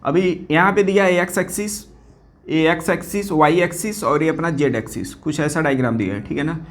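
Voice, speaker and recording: Briskly, a slightly high-voiced physics teacher preps students for exams, posing questions and answering them on his own. His Hindi is laced with English words, and he keeps repeating the key terms.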